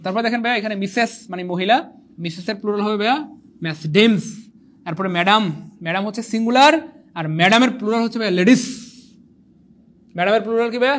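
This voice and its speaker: A young man who teaches an exam prep lecture in an animated, teasing way, repeating points and quizzing his viewers. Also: high voice. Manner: animated, repetitive, teasing, asks the viewers questions. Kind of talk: online lecture.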